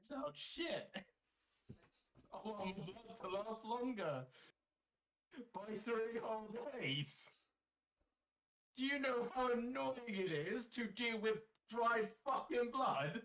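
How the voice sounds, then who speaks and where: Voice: mid-range voice, lively intonation, takes it slowly, pauses often, fairly bright tone. A player in a tabletop game speaks bluntly and swears freely, heard from some distance off the mic. The talk is loose and casual.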